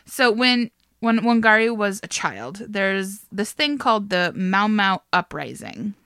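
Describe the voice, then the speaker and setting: A woman's voice: mid-range voice, animated, unhurried, fairly bright tone, smooth, dry recording. A young woman co-hosting a podcast, casually retelling a life story with frequent laughs and swearing. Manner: laughs often, swears, chatty. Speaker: podcast co-host. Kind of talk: casual chat, telling a biography.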